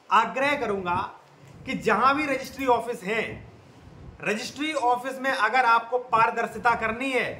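Earnest up guy, really high bright voice, roomy echo. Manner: earnest, repeatedly addresses viewers as companions. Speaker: legal commentator. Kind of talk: explanatory monologue. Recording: echoey room with faint noise.

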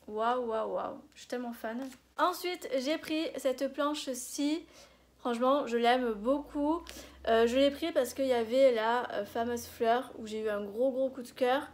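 A woman with a French accent doing a casual vlog haul, gushing over each item and pausing often on filler sounds. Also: a little high, a little mellow. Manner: gushing, many filler "euh"s, repeats "j'adore". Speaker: scrapbooking vlogger.

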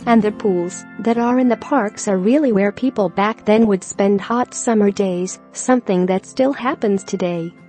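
A woman giving a scripted narration of a news article, reading straight through the text in a flat manner. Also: mid-range voice, normal speed, hardly any pauses. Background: music.

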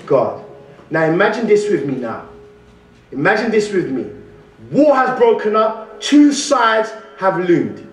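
A young West Midlands Englishman, preaching as a guest, has a voice that sits high and moves a little slowly. He's animated, shouting questions to the congregation and gesturing broadly at the pulpit. In the large indoor church hall, the pulpit stand mic and far camera pick up distant, echoing sound.

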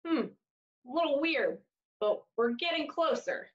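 Her voice high-pitched, a woman in her thirties reads to young children from a storybook, pausing dramatically and exaggerating every line. The setting is a small room. Audio quality is dull and lo-fi, typical of a webcam.

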